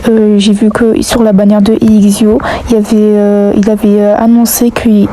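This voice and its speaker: A woman's voice: medium pitch, little pitch movement, moderate pace, warm tone, slight background noise, rough recording. A woman telling a storytime vlog, hesitant and full of fillers, often dropping to a half-whisper. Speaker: YouTuber telling online drama.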